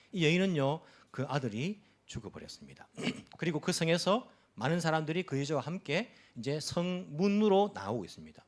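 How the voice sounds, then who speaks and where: Delivering a sermon to his congregation at a church service, a man with a somewhat high voice serves as pastor. He poses rhetorical questions and illustrates his message with examples from daily life.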